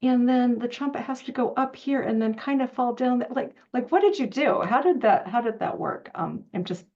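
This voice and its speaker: A woman with a fairly high voice and lively intonation conducts an enthusiastic interview, effusive and admiring as she feels her way through her questions haltingly. The audio has its highs cut off.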